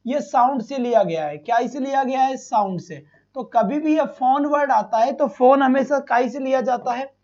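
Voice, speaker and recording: A man's voice: extremely high pitch, moderate pace, few pauses, darkish tone, lo-fi sound. A man teaching a live online exam-prep lesson, asking his students questions, repeating each one and fondly calling them "beta".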